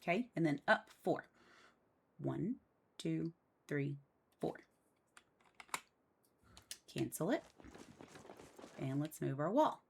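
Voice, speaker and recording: Low, slow, gravelly woman counting clicks. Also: expressive, slight background noise. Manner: counts steps aloud under her breath. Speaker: game building tutorial host. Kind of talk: casual step-by-step voice-over. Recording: loud mouse and keyboard clicks.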